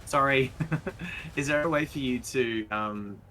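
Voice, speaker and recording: A man's voice: mid-range voice, measured pace, bright, forceful tone, slight background noise. An Australian man playing a tabletop game, hesitating with many ums as he decides his moves. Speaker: player.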